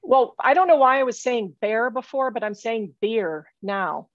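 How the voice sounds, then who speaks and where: A woman's voice: fairly high pitch, lively intonation, measured pace, dry recording, muffled recording. A woman giving a psychic reading over a remote call, earnest and insistent, often stopping and repeating her phrases. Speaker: psychic medium.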